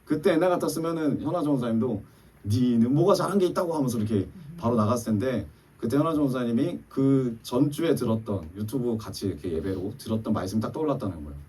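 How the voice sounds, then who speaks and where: A man's voice: mid-range voice, fast talker, few pauses, dark tone, slightly rough, far from the mic. A man preaching a sermon as pastor, telling a story and acting out the dialogue in it. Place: church sanctuary.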